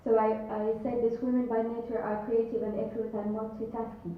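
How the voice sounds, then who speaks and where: An Algerian woman in her thirties, a lighting designer, gives a short timed slide presentation, hesitant and full of fillers, laughing often. Her fairly high voice barely moves in pitch, and the audio is distant, muffled, and echoey from a large event hall.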